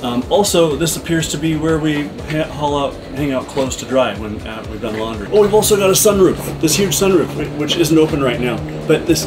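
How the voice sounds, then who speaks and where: Chill guy rambling thru a boat tour, lots of ums, music under it. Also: a little high. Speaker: boat owner giving a tour. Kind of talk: casual walkthrough vlog. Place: aboard a sailing catamaran, outdoors and in engine room.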